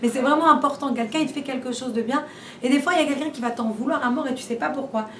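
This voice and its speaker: In a roomy, distant recording from the room where she teaches, with faint background noise, a woman leads an informal class. She's a fast talker with a high-pitched voice, chatty and full of rhetorical questions, repeating and restarting as she talks.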